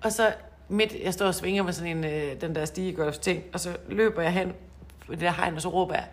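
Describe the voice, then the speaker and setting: Low-voiced chatty Danish woman. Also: steady tone. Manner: chatty, laughing, repeats words. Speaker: podcast co-host and coach. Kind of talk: casual podcast chat.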